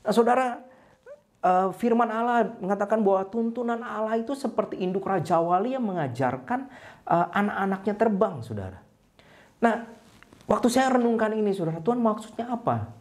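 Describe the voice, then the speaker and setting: A male preacher delivering an animated sermon. His pitch leaps high for acted-out cries and sinks low and quiet at the end of each phrase. He tells the story with expressive energy. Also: normal speed. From Indonesia. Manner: animated storytelling, acts out a crying eaglet; ends phrases with a low, soft address to listeners. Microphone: online service broadcast.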